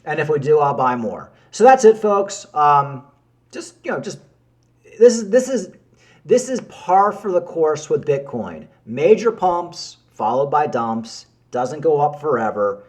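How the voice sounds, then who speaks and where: A man's voice: fairly high pitch, measured pace. Upbeat man giving crypto market talk. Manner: animated, repeats himself, addresses viewers as folks. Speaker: crypto YouTuber. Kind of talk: casual market commentary to camera.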